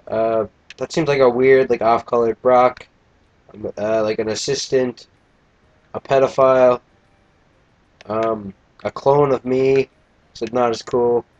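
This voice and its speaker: A man's voice: mid-range voice, no echo, dull audio. A young man casually commentating a video game, tired and yawning, with a crude, joking, rambling manner. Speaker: let's play gamer.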